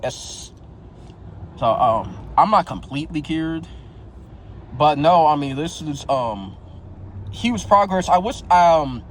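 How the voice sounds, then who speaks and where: A man's voice: fairly high pitch, a little hiss or hum, poor audio. Man in his twenties with a slight lisp. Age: 20s. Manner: slangy and candid, tags phrases with "bro" and "yo", many restarts. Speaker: vlogger sharing his experience. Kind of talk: casual talk to camera.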